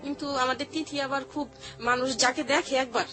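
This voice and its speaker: Speaking briskly in a high, steady voice, a Bangladeshi-accented woman gives a personal account as a guest in an interview, repeating colloquial phrases as she explains. Music runs behind her voice.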